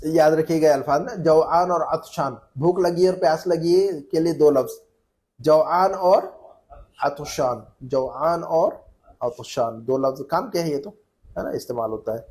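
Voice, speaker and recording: A male Arabic teacher speaks a little slowly in a higher-than-average, slightly mellow voice during a classroom language drill, patiently repeating phrases and naming students to prompt them.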